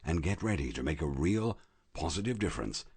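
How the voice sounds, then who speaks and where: A man reading a slow, measured scripted introduction as a program announcer. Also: very deep voice, lively intonation, darkish tone, slightly rough, no room sound.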